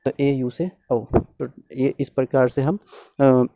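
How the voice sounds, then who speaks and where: A man teaching in a slow, patient way, sounding out each letter on its own and going over points again. His voice is mellow and warm, recorded close and dry with no room sound. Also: medium pitch, steady tone, no room sound. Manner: slow, repetitive, spelling sounds out one by one. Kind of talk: explanatory lesson.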